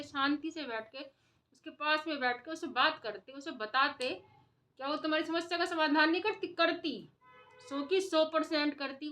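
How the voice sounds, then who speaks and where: High-voiced woman scolding in a vlog. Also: pushed and bright, a little hiss or hum. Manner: scolding, impassioned, repetitive. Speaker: vlogger. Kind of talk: opinion commentary to camera.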